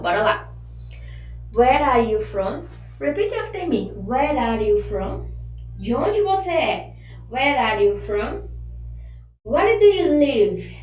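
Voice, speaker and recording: A woman's voice: on the high side, recorded from a distance. Chatty woman teacher in an echoey room. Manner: chatty, drills phrases slowly for repetition. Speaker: English teacher. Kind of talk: online English lesson. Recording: echoey room, voice from off-mic, faint hum.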